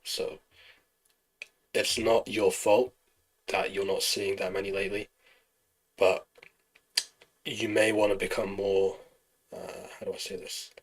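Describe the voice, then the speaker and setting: Low-voiced man explaining trades live. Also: slow pace, pauses often, low-quality recording. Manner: relaxed, explanatory, thinking aloud over charts. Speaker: trading streamer. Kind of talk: live trading commentary answering chat.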